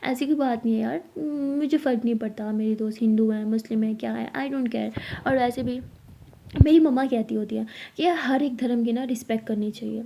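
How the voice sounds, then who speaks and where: A woman voicing a young female secretary who is earnest, apologizes fast and sulks when hurt. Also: on the high side, steady tone, gravelly, dark tone, a little hiss or hum. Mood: casual. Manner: quick to apologize and sulk.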